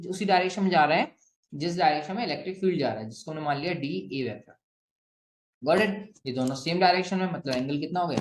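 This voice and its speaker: A physics teacher with an Indian accent and a slightly high voice gives a step-by-step classroom lesson mixing Hindi and English. He asks and answers his own questions, checks in frequently, and slowly dictates sentences for students to write down. The room is echoey.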